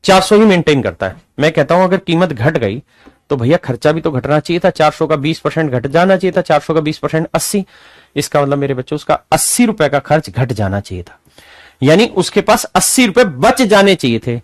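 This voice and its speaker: A man teaching an arithmetic class, lively and coaxing, often asking his students whether they follow. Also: on the high side, fairly quick, no echo, studio quality. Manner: lively, calls students "my dear children", rhetorical questions. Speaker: maths teacher. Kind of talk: classroom maths lesson.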